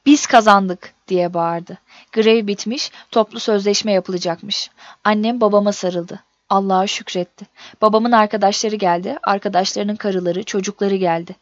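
A woman reading a first-person story aloud in a steady, measured audiobook narration. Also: mid-range voice, no echo. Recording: dull dry recording.

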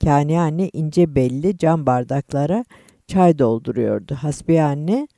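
A man in his fifties calmly reading a first-person story aloud. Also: a little high, gravelly, no echo, clean studio sound. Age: 50s. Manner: calm, measured storytelling. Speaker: narrator.

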